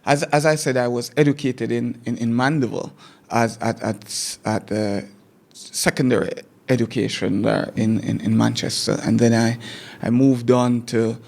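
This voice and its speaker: A man in his forties with a Jamaican accent speaks in a level, creaky, slightly mellow mid-range voice. As a guest teacher in a conversational interview, he recalls his schooling in measured storytelling, often repeating words as he thinks back.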